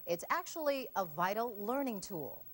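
A woman news reporter narrating a report and interviewing a mother, with a clear broadcast delivery. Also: medium pitch, big pitch swings, normal speed.

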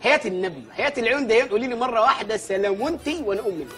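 An actor playing an excitable, boastful village mayor in a comic sketch, sarcastic and frantic. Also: male voice, faint music behind, heavily acted. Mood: mocking. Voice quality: high-pitched, rapid-fire.

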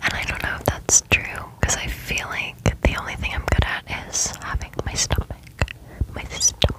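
A woman in her twenties whispering softly as if telling a secret, in ASMR chit chat very close to a microphone, repeating words for effect. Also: normal speed, rough recording. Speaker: ASMR video host. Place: small bedroom, on the bed. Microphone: large desk microphone, very close.

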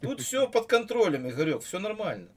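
Lively joking male stream host. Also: high-pitched, fairly quick. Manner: joking, storytelling, calms his partner down. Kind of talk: casual chat. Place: lives in Canada.

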